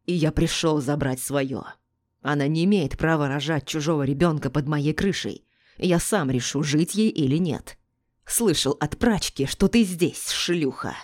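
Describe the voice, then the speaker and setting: A woman's voice: sits low, steady tone, brisk, hardly any pauses, dry recording, studio quality. A woman voicing a brutal, raging middle-aged man who roars and snarls threats.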